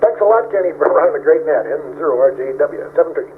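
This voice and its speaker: A man's voice: on the high side, animated, fast talker. A man checking into an amateur radio net, rambling and homespun, heard over a radio transmission with static. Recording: tinny radio with faint static.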